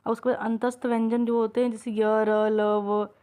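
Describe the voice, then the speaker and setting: A woman teaching an exam-prep grammar lesson, explaining step by step, checking in with her students and drawing out each example sound slowly. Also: on the high side, little pitch movement, warm tone, clear, resonant tone. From India.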